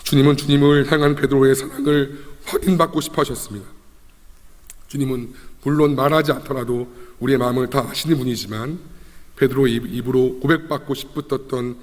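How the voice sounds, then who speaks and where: A young man preaches a sermon from a church sanctuary. His voice sits at a mid pitch, and his delivery is conversational and emotive, with rhetorical questions and repeated phrases. The hall adds a long, trailing reverb. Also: fairly even intonation, a little fast. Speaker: junior pastor.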